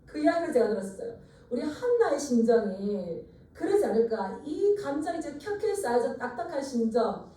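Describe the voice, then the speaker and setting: Lady pastor preaching, mellow higher voice, far off mic in a big echoey church. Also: big pitch swings, moderate pace. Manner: earnest preaching with call-and-response repetition. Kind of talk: sermon. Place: church sanctuary.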